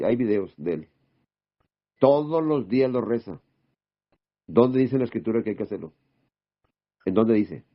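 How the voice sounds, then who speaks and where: A man giving an informal sermon, firing off rhetorical questions and checking in with a quick "mm?". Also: on the low side. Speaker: preacher. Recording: dull lo-fi recording.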